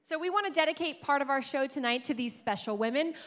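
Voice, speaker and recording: A woman co-hosting a live pageant show, delivering scripted presenter lines smoothly. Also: high-pitched, quick pace, a bit bright. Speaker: pageant co-host.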